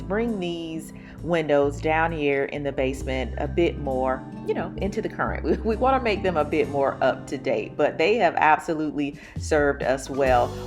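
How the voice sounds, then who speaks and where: An American woman with a fairly deep voice talks to her viewers in a casual home vlog. She is chatty and enthusiastic and addresses the audience directly. Music plays clearly behind her. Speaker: home renovation vlogger, host.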